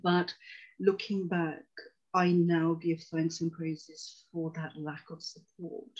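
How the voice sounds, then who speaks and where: A woman's voice: low voice, level tone, slow pace, darkish tone, muffled recording. A woman in her forties, originally from Tanzania, working as a psychotherapist and telling her life story earnestly and reflectively as a guest on a video call. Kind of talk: personal storytelling in a conversation.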